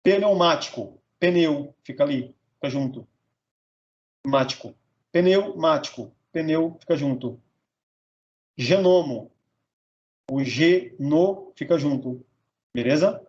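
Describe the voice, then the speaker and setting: A man's voice: on the high side, slow pace, pauses often, darkish tone, muffled recording. A Brazilian man teaching a grammar lesson, sounding out words syllable by syllable and checking in with "tá?" and "beleza?". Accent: Brazilian Portuguese.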